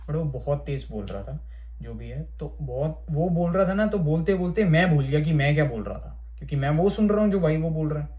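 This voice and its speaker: A man's voice: fairly high pitch, animated, brisk, a little mellow, lo-fi sound. A young man from India telling a personal story in a casual, chatty way, often calling out "bro" and swearing. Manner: chatty, keeps saying "bhai", swears. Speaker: vlogger.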